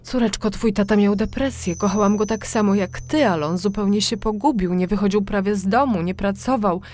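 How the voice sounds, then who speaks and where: A woman reading an audiobook voices a frightened, pleading pregnant mother in a raised, high voice. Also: fairly quick, a little mellow, soft background music, close to an everyday voice. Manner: high-pitched, anxious, pleading.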